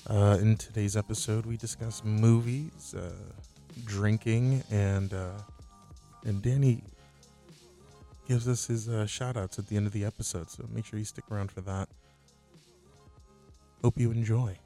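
A man's voice: fairly low pitch, steady tone, unhurried, pauses often, mellow, faint music behind. A man hosting a podcast, opening the episode and chatting in an easygoing way with some hesitations. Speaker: podcast host. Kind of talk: casual chat.

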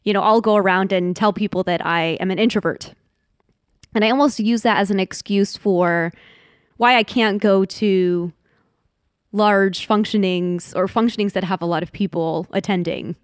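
A woman's voice: fairly low pitch, steady tone, dry recording, clean studio sound. A woman in her thirties from the United States, speaking as a podcast guest in a reflective, candid way. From Washington, D.C., United States. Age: 30s. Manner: thoughtful, candid, slows down on heavy points. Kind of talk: reflective interview conversation.

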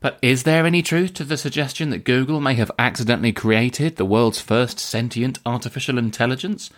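A man's voice: mid-range voice, a little fast. A man presenting satirical news as anchor, dry and exasperated with his guests.

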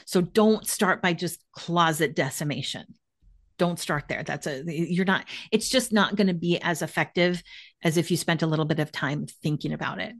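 A woman's voice: sits low, moderate pace. A woman in her forties, a wardrobe stylist, giving upbeat, emphatic advice in casual chat and repeating key points. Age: 40s.

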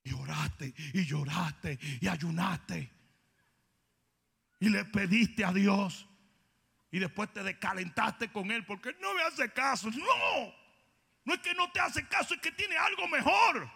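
Brief: bright, gravelly-voiced male preacher, comic and loud, echoing hall. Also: sits high, lively intonation, slow pace. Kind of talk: sermon. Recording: long hall reverb.

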